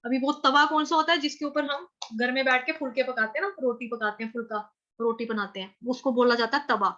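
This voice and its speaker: A woman with a North Indian accent teaches verse pronunciation in a high, bright voice. She breaks words into syllables, repeats them slowly and chants the lines. The recording sounds dull and lo-fi.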